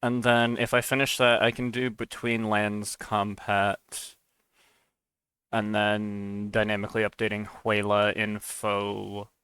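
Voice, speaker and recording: A man's voice: lowish voice, monotone, slow, fairly bright tone, clear, resonant tone, no echo. A man streaming live while he codes, rambling and stammering through casual chat and often saying "dude". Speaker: streamer and mod developer.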